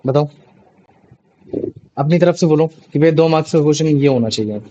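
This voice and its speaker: High-voiced young male tutor on a call. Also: fairly quick, warm tone, slight background noise. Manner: chatty, repeats checking questions. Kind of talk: online class teaching. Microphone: video call. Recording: dull lo-fi online call audio.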